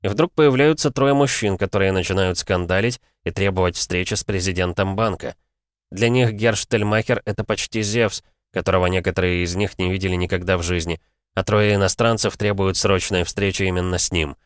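A man voicing a calm, self-possessed male Interpol expert in an audiobook, measured and explaining. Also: low-pitched, no echo, clean studio sound, natural voice.

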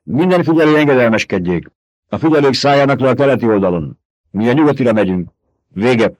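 A man's voice: medium pitch, lively intonation, no room sound, voice pushed up, natural voice. A man doing a stern duke barking orders. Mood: commanding. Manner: forceful, giving orders. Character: commanding noble duke, middle-aged man, stern leader.

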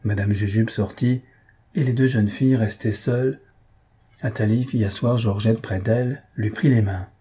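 Husky, dark-voiced male narrator. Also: fairly low pitch, steady tone, moderate pace. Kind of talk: audiobook reading of a classic novel.

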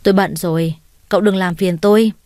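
A woman's voice: medium pitch, steady tone, fairly quick, dry recording, natural voice. A proud, scheming young woman in an audio story, cold and cutting in her speech. A woman voices her in her usual tone. The recording is dry and close to the mic. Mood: angry. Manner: cold, sharp.

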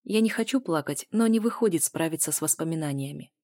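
A woman reading a novel aloud as a first-person narrator, in an even storytelling manner. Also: low-pitched, fast. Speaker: audiobook narrator.

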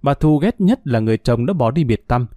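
A man reads a novel aloud in a steady, even storytelling voice of middle pitch. The recording is dry and close, with no room sound. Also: a little fast, dry recording. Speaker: audiobook narrator. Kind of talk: scripted narration of a novel.

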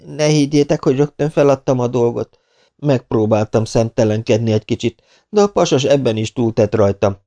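A man's voice: mid-range voice, warm tone, voice pushed up, lightly acted. A man voicing a beaten young man who pleads and groans as he tells what happened, in an audiobook reading. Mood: recounting. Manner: breathless, pleading.

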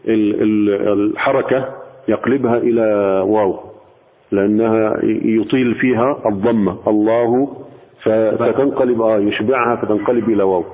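A man with an Egyptian accent teaching a religious lesson as a sheikh, explaining patiently and slowly demonstrating pronunciations. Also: fairly low pitch, steady tone, breathy edge. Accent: Egyptian Arabic. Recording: tinny phone-like sound with long reverb.

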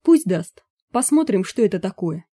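A woman's voice: mid-range voice, sing-song, moderate pace, mellow, husky, no room sound. Woman reading wry, snide man, raised voice, dry sound. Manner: snide, mocking.

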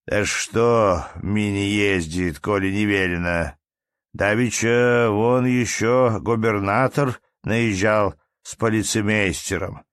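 A gruff, stubborn sergeant with a rustic accent, voiced by a man. He speaks slowly and bluntly, a little louder than the narration. The sound is low and dry. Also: no echo.

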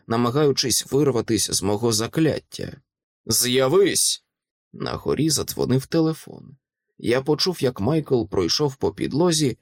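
A man's voice: medium pitch, no room sound. A man narrating a first-person audiobook in a dramatic, tense reading.

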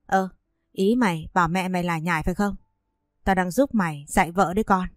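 A woman's voice: lowish voice, fairly quick, no room sound, clean studio sound, close to an everyday voice. A woman voicing a scornful mother-in-law. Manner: sneering, scolding. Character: sharp-tongued scolding middle-aged mother-in-law.

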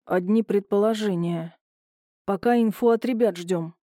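A woman voicing a gruff, blunt man, an older brother who growls his curt lines in an audiobook. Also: medium pitch, measured pace, dark tone, no room sound, studio quality, natural voice.

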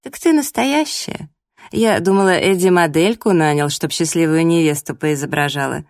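A woman's voice: low voice, steady tone, brisk, no room sound, studio quality. A woman voicing a haughty, mocking young woman, the jealous ex-fiancée in an audiobook, who talks down with sneering sarcasm. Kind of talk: audiobook character voice.

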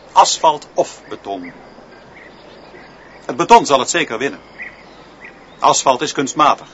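Pushed and bright, this man's rather high voice plays a pedantic, opinionated schoolteacher holding forth to his pupils in a radio drama. He lectures declamatorily. A dull recording carries music underneath, plus slight hiss or hum.

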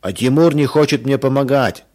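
A man voicing a quarrelsome little boy who sulks and shouts. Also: lowish voice, moderate pace, slightly rough. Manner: sulky, shouting.

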